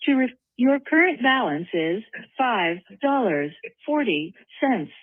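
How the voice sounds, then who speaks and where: A woman's recorded automated announcement on a prison phone line, formal and measured, giving call prompts. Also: a little high, very animated, dry recording. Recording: dry, tinny phone line.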